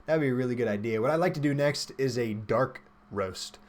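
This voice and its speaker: A software developer in his twenties hosts a livestream, talking briskly at medium pitch. He chats informally, thinking aloud while reading out and answering viewer questions.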